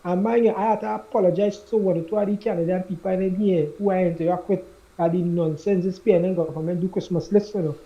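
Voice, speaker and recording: Trinidadian guy calling in, high voice, kinda dark tone, tells it like a story and repeats stuff. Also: fairly even intonation, quick pace, highs cut off. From Trinidad and Tobago. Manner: storytelling, repeats himself, acts out the dialogue. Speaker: caller. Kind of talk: phone-in chat.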